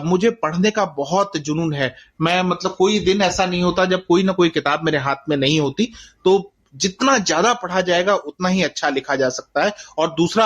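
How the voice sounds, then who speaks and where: Here a guest author, a middle-aged man from Bastar in India, answers interview questions reflectively. His voice is high-pitched and a bit bright, with an Indian accent, and his earnest, rhetorical style leans on repeated phrases to drive points home.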